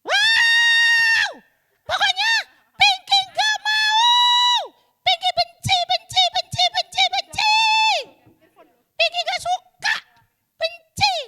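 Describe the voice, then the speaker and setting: A woman voicing a sulky little girl puppet with pink hair, whining and shouting stubbornly. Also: extremely high pitch, slow pace, pauses often, faint music behind, voice pushed up, exaggerated voice. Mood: angry tantrum. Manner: stubborn, whiny, shouting in a tantrum.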